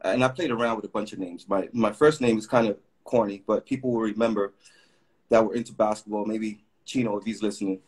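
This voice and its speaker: Speaking through a webcam on a video call, this middle-aged man from Puerto Rico, a graffiti artist guest, rambles through casual stories full of fillers. His lowish, darkish voice carries a breathy edge, staying steady and a little fast.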